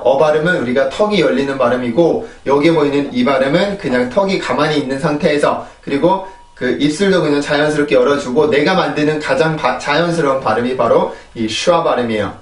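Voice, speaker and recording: A man's voice: on the high side, recorded from a distance. Man teaching pronunciation in an echoey room. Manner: patient, demonstrates sounds by repeating them. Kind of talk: explanatory video lesson.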